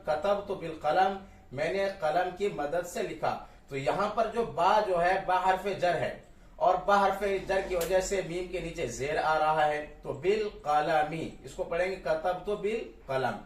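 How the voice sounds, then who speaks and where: Urdu-accented man teaching grammar, echoey. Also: fairly high pitch. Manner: explains step by step, repeats each example and its translation. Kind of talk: classroom-style grammar lesson. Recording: echoey room, mic at a distance.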